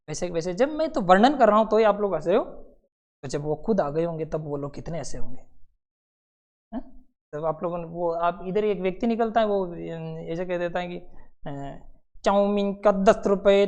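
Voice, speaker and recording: A man's voice: sits high, darkish tone. Storytelling male teacher mid-lesson. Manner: storytelling, acting out scenes and voices, quick asides. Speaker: competitive exam teacher. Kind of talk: lively classroom lecture. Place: classroom with students present.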